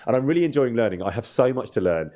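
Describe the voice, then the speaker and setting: A man hosts a gaming livestream, chatting casually and a bit hesitantly as he plays. His medium-pitched voice is expressive, fast and dark in tone.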